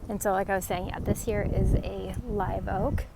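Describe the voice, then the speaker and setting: A woman talking casually as she walks outside, explaining things in short, halting, conversational phrases. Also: mid-range voice, flat delivery, gravelly. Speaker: host of an outdoor tree identification vlog. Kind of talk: casual talk to camera while out walking. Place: outdoors along a residential street on a walk. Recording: faint outdoor background noise.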